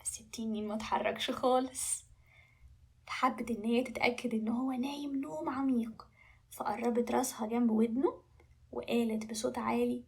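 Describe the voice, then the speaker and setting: A woman with an Egyptian Arabic accent narrating a bedtime story for children in a lively, animated way. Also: on the high side, fairly quick, creaky, slightly rough.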